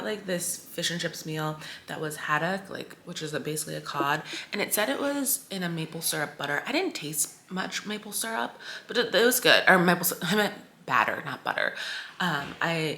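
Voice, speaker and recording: Young American woman vlogger, bright crisp tone, casual rambling chat over faint background noise. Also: fairly low pitch, expressive, a little fast. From United States. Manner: rambling, chatty, full of fillers and self-corrections. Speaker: travel vlogger.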